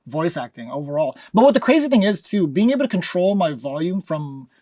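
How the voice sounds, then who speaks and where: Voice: mid-range voice, sing-song, a little fast, warm tone, dry recording, clean studio sound. A fighting game commentator reflecting casually in an interview, with many fillers.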